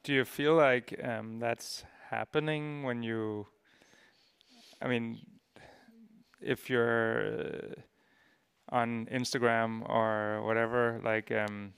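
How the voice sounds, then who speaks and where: A man's voice: medium pitch, level tone, slow pace, gravelly, fairly bright tone, smooth. A man on a discussion panel, talking with hesitant, repeated words while he thinks. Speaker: panelist, app builder.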